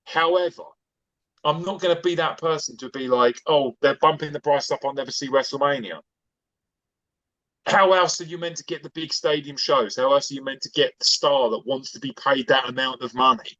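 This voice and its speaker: A man's voice: fairly high pitch, fairly even intonation, fairly quick, sharp tone, no room sound, dull audio. A man in his forties chatting on a podcast as a guest, rambling and enthusiastic, with plenty of fillers. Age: 40s. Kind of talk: casual chat.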